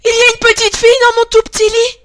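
A woman's voice: very high-pitched, completely flat delivery, quick pace, fairly bright tone, no echo, voice pushed up. A woman voicing a tiny baby bear cub in a storybook, with a piercing, wailing voice. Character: small crying baby bear cub, shrill.

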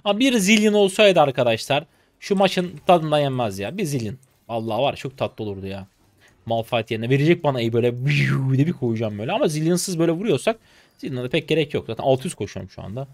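A man in his twenties from Turkey, a streamer commentating his game live in an excitable, chatty way, talking to his viewers and teasing opponents. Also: mid-range voice, quick pace, dry recording. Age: 20s. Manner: excitable, chatty, talks to chat, bursts of laughter and teasing.

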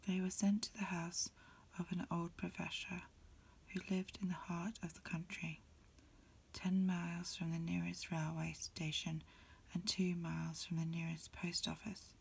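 A woman whispers her way through a storybook in an ASMR style. Her voice is extremely breathy and on the low side. She reads softly and evenly in short, unhurried phrases. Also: flat delivery. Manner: soft, unhurried, phrase-by-phrase reading. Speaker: amateur reader. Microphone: lo-fi home recording.

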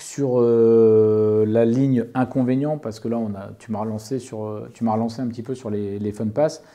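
Speaking at a medium pitch in a mellow tone, a man who owns property gives an interviewer informal, methodical explanations and advice. He keeps rephrasing himself mid-answer.

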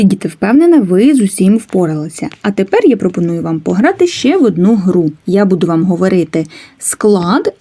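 A woman's voice: mid-range voice, dark tone. A woman teaching a letters lesson to young children, coaxing them with questions and waiting for answers. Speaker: kindergarten teacher.

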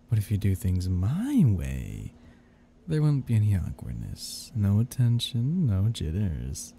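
A man's voice: on the low side, gravelly, mellow, a little hiss or hum, full character voice. A man playing a sly, coaxing male devil who schemes with playful menace in an ASMR audio role-play.

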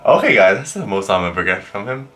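A young man quizzing his friend in casual banter, animated and exasperated. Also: lowish voice, fast talker. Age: young adult. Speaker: quizmaster in a pronunciation challenge. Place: small bedroom. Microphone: camera a few feet away. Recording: echoey room, distant mic, noisy background.

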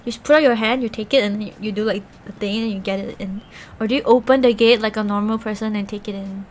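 A woman's voice: mid-range voice, fairly even intonation, fast, a little hiss or hum. A young woman, chatting casually with her viewers while she eats. She rambles and giggles, leaning on "like" constantly. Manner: rambling and giggly, heavy use of "like". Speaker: Twitch streamer.

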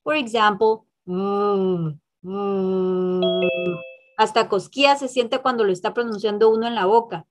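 A woman with a voice on the high side and fairly even intonation teaches English online, moving between Spanish and English. She drills sounds slowly, repeating them in an exaggerated way, while faint music plays behind her.

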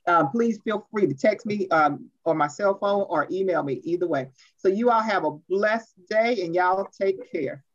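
Woman presenter, fast and animated, dull lo-fi video call audio. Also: medium pitch. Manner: fast, animated, says she talks too fast. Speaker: workshop presenter. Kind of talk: online workshop, casual talk.

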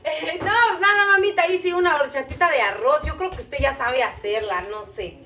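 A woman's voice: sits high, moderate pace, bright, forceful tone, soft background music. A woman from Guatemala whose first language is Chuj, chatting casually on a home-kitchen livestream, reading out viewer comments and calling them "mamita". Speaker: cooking livestream host. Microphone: camera a little way off. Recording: echoey kitchen, distant mic.

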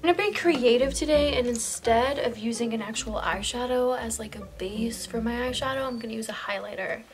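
A woman's voice: a little high, brisk. A woman in her twenties chatting casually to camera in a giggly, tipsy, rambling way, blunt and playful with plenty of swearing. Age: 20s. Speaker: makeup vlogger. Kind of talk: casual chat to camera while applying makeup. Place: indoors, small room in front of a fabric backdrop.

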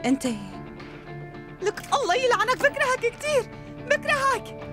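A woman dubbing a furious teenage schoolgirl who yells insults in a TV drama. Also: extremely high pitch, animated, moderate pace, loud music behind the voice. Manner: shrieking insults, yelling. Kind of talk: dubbed TV drama.

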